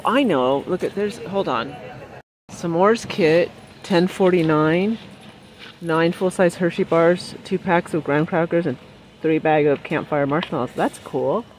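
A woman filming a casual shop-with-me vlog in a large warehouse store. She chats as she goes, reads prices aloud and drops quick excited exclamations. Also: low-pitched, slight background noise. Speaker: shopping vlogger. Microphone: handheld phone camera while shopping.

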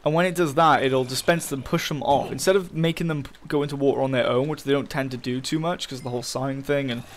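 A man's voice: mid-range voice, fairly even intonation, fast talker, a little hiss or hum. A young man giving casual, frustrated commentary while playing a game, swearing often and talking to his viewers. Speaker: gaming channel host.

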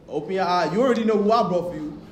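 Guy reacting to clips, high voice, loud and jokey, echoey room with loud noise over it. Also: rapid-fire. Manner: loud, joking, repeats himself. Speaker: reaction host. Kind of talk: casual reaction chat.

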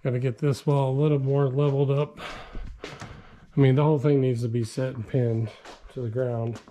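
A man's voice: medium pitch, little pitch movement, normal speed, warm tone, slight background noise. Middle-aged man rambling through a DIY basement build. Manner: rambling, filler-heavy explaining. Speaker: DIY vlogger. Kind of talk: casual on-camera DIY walkthrough. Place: unfinished basement under construction.

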